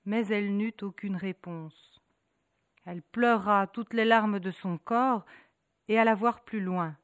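A woman telling a folk tale aloud. She builds rhythm through repetition and dramatic pauses. Her mid-range voice is recorded close and dry. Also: mid-range voice, clean tone, no echo. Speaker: storyteller. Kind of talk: storytelling narration.

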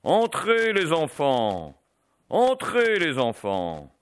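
A woman acting out a towering butcher with blood on his clothes, beckoning in a slow, dropping voice. The pitch swoops wildly between high and deep. It sounds like a storybook villain. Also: huge pitch swings, a little hiss or hum, heavily acted. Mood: menacing. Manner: slow, deep, lurking invitation. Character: huge menacing man, a blood-soaked butcher.

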